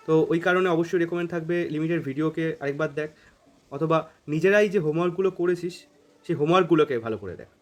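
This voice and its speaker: Talking rapid-fire in a slightly high voice, a man teaches calculus informally, reasoning out loud while solving problems in a relaxed math lesson.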